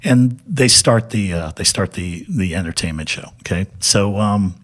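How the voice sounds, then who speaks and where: A man chats as an interview guest, telling a funny anecdote in an animated way and laughing as he goes. His voice is husky and rather breathy. His pitch swings widely. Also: moderate pace. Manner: animated storyteller, laughs often.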